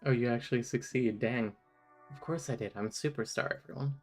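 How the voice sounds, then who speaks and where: A streamer in casual let's-play commentary, playfully reading dialogue choices aloud. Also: male voice, medium pitch, a little fast, faint music behind.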